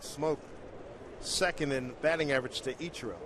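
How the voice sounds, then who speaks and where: A man calling baseball play-by-play, brisk and rising with excitement on big plays. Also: mid-range voice, background noise. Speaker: play-by-play announcer.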